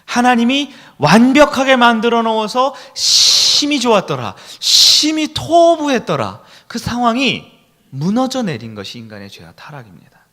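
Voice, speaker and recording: A man's voice: very high voice, very animated, normal speed, bright, forceful tone. A middle-aged man preaching a sermon in a church, who keeps asking the congregation questions and leads them in call-and-response. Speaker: pastor. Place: church sanctuary.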